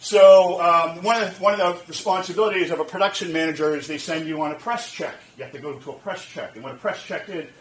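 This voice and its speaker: Guest speaker, man in his 40s, chatty and rambling, slightly high voice, captured from afar. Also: fast talker, hardly any pauses. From Boston area, USA. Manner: chatty and rambling, with restarts and asides to the audience. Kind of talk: informal talk to students. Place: lecture room. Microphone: far 360 camera. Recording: echoey room, distant mic, faint background hum.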